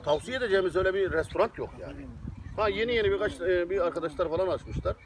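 Fast, chatty man outdoors by a crowd. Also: sits high. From Turkey. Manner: chatty, rambling, laughs easily. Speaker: interviewee, Turkish cook living abroad. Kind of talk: casual outdoor chat.

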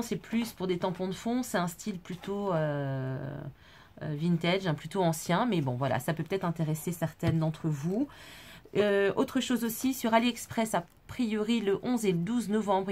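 Chatty low-voiced woman showing crafts. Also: darkish tone. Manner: chatty, hesitant, many fillers. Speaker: crafting vlogger. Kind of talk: casual product haul.

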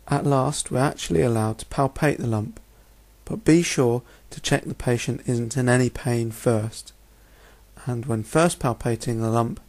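A man's voice: mid-range voice, a little mellow. A man giving a narrated lecture in a methodical, instructional manner, often posing questions as he explains. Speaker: medical lecturer. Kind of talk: narrated lecture over slides.

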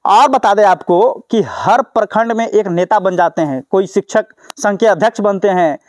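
A man's voice: high-pitched, moderate pace, darkish tone, no echo. A man from Bihar reporting on the spot, questioning and lecturing a teacher outdoors at a village school. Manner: confronting and lecturing. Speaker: reporter and host. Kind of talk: on-the-spot news interview.

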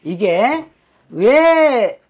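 A woman's voice: fairly high pitch, sing-song, extremely slow, heavy background noise. A woman fortune-teller giving a reading to clients, talking emphatically and scolding, often tagging her phrases with a questioning "eh?". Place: fortune-teller's consultation room.

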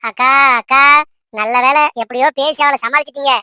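A woman's voice: high voice, fairly even intonation, brisk, bright, forceful tone, no echo. A woman voicing a chatty young village woman in a comedy cartoon, who talks in an eager, pleading way. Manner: pleading, rustic village speech.

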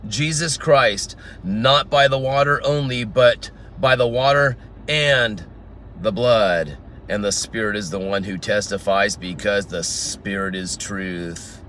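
Man in his own voice, unhurried Bible teacher working through verses outdoors, bright tone, faint traffic behind. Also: medium pitch. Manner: reads scripture aloud and explains it verse by verse. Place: outdoors in a garden.

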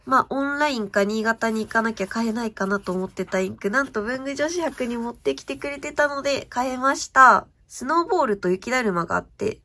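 Young woman vlogging her ink haul, kinda high voice, gushy and chatty. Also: a bit bright. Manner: gushing, chatty, often asks viewers if it shows. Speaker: stationery vlogger. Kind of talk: casual show-and-tell chat.

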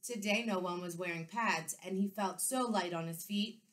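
A woman teacher reading a picture book aloud to her young class, clear and expressive. Her voice sits at an ordinary middle pitch, and she narrates the story at a steady, friendly storytelling pace. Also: moderate pace. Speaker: second-grade teacher. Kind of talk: children's book read-aloud.

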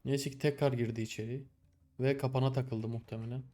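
A young man narrates his survival game in casual commentary, talking straight to the game and to his animals. His voice sits at a middle pitch, and he drops into quiet muttering, then flares up into loud, exasperated complaints. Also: level tone, brisk. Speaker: gameplay streamer.

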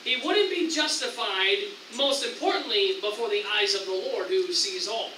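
A high, very bright-voiced American pastor preaching in a roomy church. The voice carries from some distance from the mic, with faint hiss beneath it. He preaches in an animated way, jumping into excited lines as he acts out tempters. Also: moderate pace. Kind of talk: sermon. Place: church sanctuary.

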